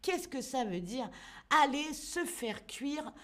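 A French teacher with a fairly high voice runs a live online language lesson, speaking slowly, playfully and with plenty of life. She keeps asking her learners questions and responds to the chat.

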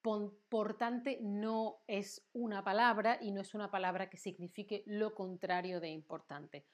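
A woman's voice: mid-range voice, steady tone, measured pace. A woman teaching grammar in a livestream lesson, patient and repeating words to drill them. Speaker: Spanish teacher.

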